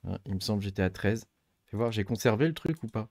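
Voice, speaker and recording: A man, middle-aged, hosting a casual tech tutorial, thinking aloud and filling pauses with many hesitations. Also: on the low side, expressive, a little mellow, no room sound, clean studio sound. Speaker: tech channel host. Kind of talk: casual screen-recorded tutorial.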